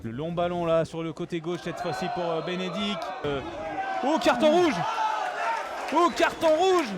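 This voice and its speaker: A man giving excited live football commentary in exclamations, repeating his key calls. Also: high voice, moderate pace. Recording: clear stadium crowd and background noise.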